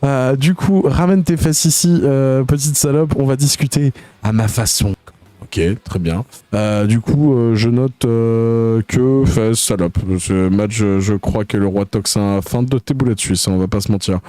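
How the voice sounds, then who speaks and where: A man's voice: medium pitch, a little slow, warm tone, no echo. A man streaming live, reading out chat messages in a crude, mocking way, with lots of hesitant fillers.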